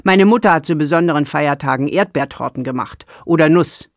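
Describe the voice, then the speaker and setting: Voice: mid-range voice, a little fast, no room sound, studio quality, close to an everyday voice. A narrator voicing an elderly, confused mother who speaks unclearly and politely in an audiobook. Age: older. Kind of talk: audiobook character dialogue.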